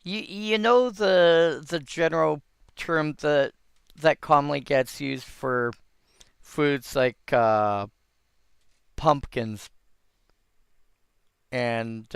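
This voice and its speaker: A man talks slowly, with a gravelly edge under a smooth, resonant voice. He thinks aloud in a rambling way, often restarting his sentences. The sound is dry and close. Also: mid-range voice, no echo. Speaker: host reviewing old game cards. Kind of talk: casual solo commentary.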